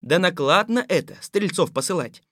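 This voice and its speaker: Stern tsar, gruff, commanding, audio fairy tale, dry sound. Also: male voice, sits high, animated, normal speed, fairly bright tone, dry recording. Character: stern but sensible tsar Makar.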